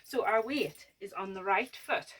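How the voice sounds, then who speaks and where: A woman's voice: medium pitch, a little slow, a bit bright, slightly rough, distant mic, rough recording. A woman teaching a dance lesson step by step, chatty and encouraging, a little out of breath. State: slightly out of breath.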